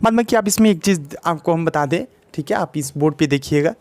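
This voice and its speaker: A male teacher with a Hindi accent walks the viewer through a spoken English lesson at a board. His voice sits fairly high, and he keeps checking in and asking questions as he explains. The sound is dry and close, with no room echo. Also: fast talker, a little mellow. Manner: explains step by step, often adds "ठीक है" and asks questions to the viewer.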